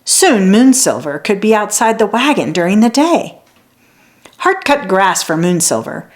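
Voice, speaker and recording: A woman reads a children's story aloud, telling it in an expressive, deliberate way. Her voice sits in the mid range.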